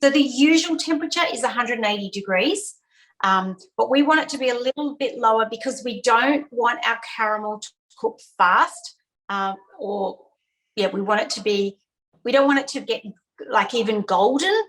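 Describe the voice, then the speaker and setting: A woman's voice: a little high, moderate pace, a bit bright, low-quality recording. A woman hosting an online cooking lesson for kids, chatty, repeating key steps with fillers, on a video call. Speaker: cooking class host.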